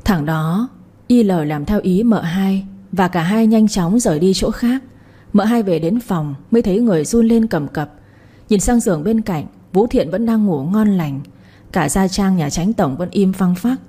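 A woman narrating a novel in a steady storytelling voice. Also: medium pitch, moderate pace, slightly rough.

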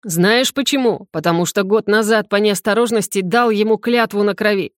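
A hungover, irritable old-school rector, voiced by a woman narrator, lecturing sternly. His voice stays near the reader's own middle pitch. The sound is dry and close. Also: normal speed, no echo, lightly acted. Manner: stern, scolding.

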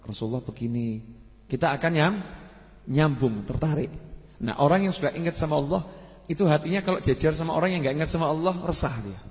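Preacher in an echoing hall. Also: male voice, a little high, fairly quick, darkish tone. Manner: conversational, asks the audience questions. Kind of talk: sermon. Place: mosque study gathering.

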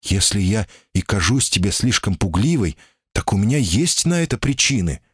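A man's voice: lowish voice, very animated, normal speed, husky, dry recording, studio quality. A man voicing a timid, guarded female golem in human shape, anxious and pleading, in an audiobook reading. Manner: anxious, pleading, often cries out.

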